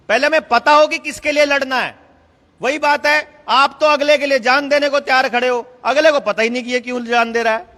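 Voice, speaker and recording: A man's voice: extremely high pitch, pushed and bright, long reverb tail. A man giving an emphatic, conversational speech to a political meeting, often laughing between points. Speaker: speaker addressing a political meeting. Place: meeting hall.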